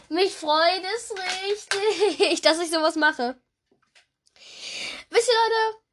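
High-voiced giggly teenage girl. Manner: rambling, giggly, excitable, keeps saying "Leute". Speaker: podcast host. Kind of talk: casual solo podcast chat. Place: home recording chair.

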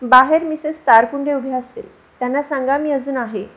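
A woman voicing a hot-tempered young male patient of about thirty who shouts and snaps orders, in a storybook reading. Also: sits high, moderate pace, close to an everyday voice. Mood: angry barking. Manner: shouting, snapping, barking orders. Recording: dull lo-fi recording.

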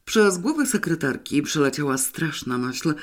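A man reading a comic novel aloud as narrator, in an even, wry manner. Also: on the high side, normal speed. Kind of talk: audiobook reading.

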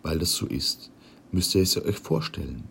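Brief: tiny fat king, proud and musing, deep low voice, read by a man. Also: moderate pace, gravelly, slight background noise, exaggerated voice. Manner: calm, musing, explaining. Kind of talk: audiobook character reading.

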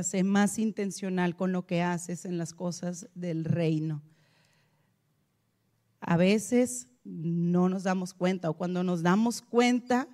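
A woman's voice: lowish voice, dark tone. A woman giving a casual, direct devotional message, encouraging and full of fillers. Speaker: speaker at a women's church series.

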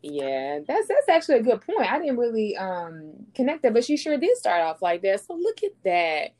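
A woman co-hosting a casual TV recap chat, talking in an expressive, emphatic way and laughing often. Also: fairly high pitch, normal speed. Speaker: podcast co-host.

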